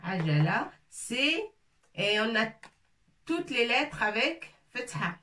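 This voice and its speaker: A woman teaching with slow, unhurried patience, going over each word again and again syllable by syllable. Her voice sits a little back from the microphone. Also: a little high, sing-song, sharp tone, distant mic. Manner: patient, repeats words syllable by syllable. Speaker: Arabic teacher. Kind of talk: slow spelled-out language lesson.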